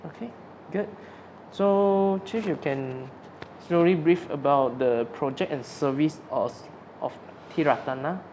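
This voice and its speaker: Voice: medium pitch, unhurried, darkish tone, a little hiss or hum, rough recording. An interviewer, asking loosely phrased questions in an informal way.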